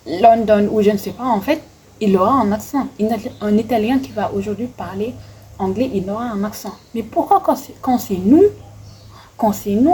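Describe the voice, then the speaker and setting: Young woman, indignant vlog monologue, mellow warm voice, repeats herself for emphasis, faint background noise. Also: fairly high pitch, rough recording. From Senegal. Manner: indignant, repetitive, heavy use of "en fait". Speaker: vlogger. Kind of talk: impassioned opinion monologue.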